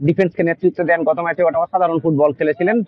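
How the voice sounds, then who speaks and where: Fast, high-pitched Bengali man commentating football excitedly. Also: narrow, tinny audio. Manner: excitable, frantic delivery as play builds.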